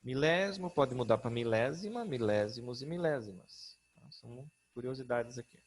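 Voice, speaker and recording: A man's voice: mid-range voice, lively intonation, moderate pace. A middle-aged man with a Brazilian Portuguese accent teaching a grammar lesson, patient, often checking in with his students.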